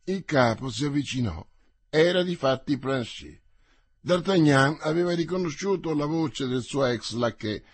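A man narrating a novel aloud in a measured, theatrical way, as an audiobook reading for radio. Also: fairly high pitch, lively intonation, breathy edge, no echo.

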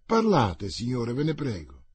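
A man's voice: medium pitch, animated, moderate pace, warm tone, breathy edge, dry recording. A man voicing a proud, anguished exiled queen who pleads urgently for news.

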